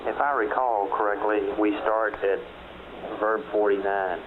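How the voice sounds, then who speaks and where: Low-voiced man on tinny, noisy space radio. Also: steady tone, unhurried. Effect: space radio link. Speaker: spacecraft communicator in mission control. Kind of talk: terse procedural radio communication.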